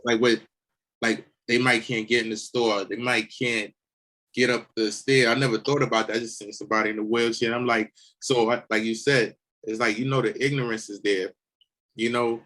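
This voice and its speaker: A young man hosting an easygoing interview, his voice in a middle pitch. He talks loosely and conversationally, often restarting and repeating words as he works out his point. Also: steady tone, moderate pace, fairly bright tone. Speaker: host. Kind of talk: casual interview chat.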